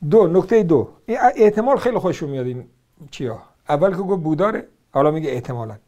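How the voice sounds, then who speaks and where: With an Iranian Persian accent, a man delivers argumentative religious commentary in a fairly high, animated, mellow voice. Sarcastic and combative, he rebuts points one at a time and fires off rhetorical questions.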